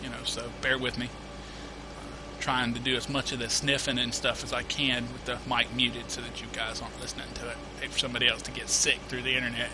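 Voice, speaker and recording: Sniffling now and then from a cold, a man with a mid-range voice rambles through a farming game tutorial at a fairly quick pace, as casual let's-play commentary. He corrects himself often and fills gaps with many "uh"s. His home desk mic carries a steady background hiss.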